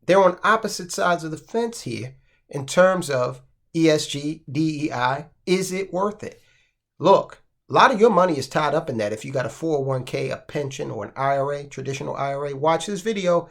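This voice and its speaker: A man's voice: on the high side, lively intonation, normal speed, vocal fry, fairly bright tone. A man from the United States hosting a finance channel, talking casually about the news with asides and rhetorical questions. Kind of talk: casual commentary.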